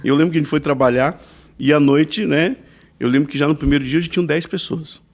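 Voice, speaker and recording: A man with a Brazilian accent, a pastor who is a podcast guest, telling a lively anecdote in casual conversation and tagging his sentences with frequent "né?". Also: a little high, fairly quick. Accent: Brazilian Portuguese. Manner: lively storyteller, mimics the people he quotes, frequent "né?" tags.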